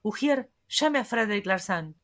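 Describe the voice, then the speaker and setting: A woman reading the lines of a stern male court president, speaking gravely and with a threatening edge. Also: medium pitch, expressive, a little slow, a bit bright. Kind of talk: audiobook reading.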